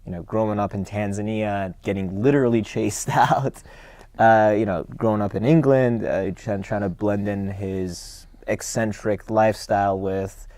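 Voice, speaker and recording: A young adult man co-hosting a podcast, talking about a film in a relaxed, eager way and chuckling now and then. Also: fairly low pitch, moderate pace, no echo. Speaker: podcast co-host. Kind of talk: casual chat.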